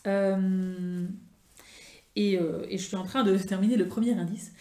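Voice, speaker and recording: French woman, casual vlogger, halting and filler-heavy, roomy echo. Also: medium pitch, fairly even intonation, dark tone. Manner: chatty, many fillers and restarts. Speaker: craft vlogger. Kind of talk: casual show-and-tell chat.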